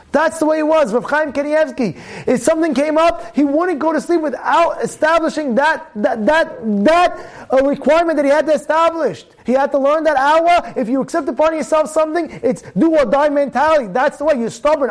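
A man giving a rousing, emphatic Torah class, repeating his points for force. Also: very high-pitched. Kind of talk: sermon.

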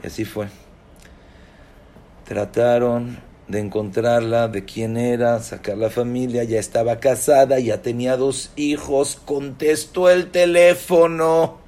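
A man's voice: mid-range voice, steady tone, unhurried, dark tone. A man telling a moral story as a religious teacher, in a dramatic, emphatic way.

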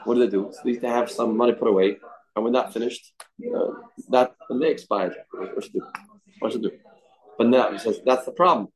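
Man, mid-pitched voice, informal religious teaching, reads then explains, repetitive phrasing, rhetorical questions. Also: poor audio. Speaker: Torah teacher. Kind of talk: informal religious lesson, reading a text and explaining it.

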